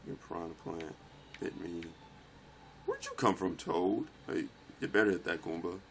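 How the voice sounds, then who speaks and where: A young man commentating his own kart racing gameplay, swearing and yelling in frustration at the game. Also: sits low, sing-song, moderate pace, slight background noise. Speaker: let's play gamer.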